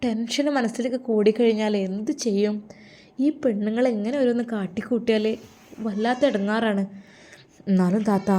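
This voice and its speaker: A woman doing a middle-aged auntie, slow and confiding, slightly higher pitch. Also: dark tone, close to an everyday voice.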